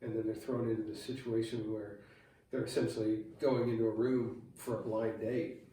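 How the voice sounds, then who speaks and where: A man's voice: fairly low pitch, little pitch movement, moderate pace, warm tone. A man hosting a casual interview, friendly and encouraging, finishing the guest's thoughts. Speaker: interviewer host. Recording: very echoey room, mic far off, faint noise.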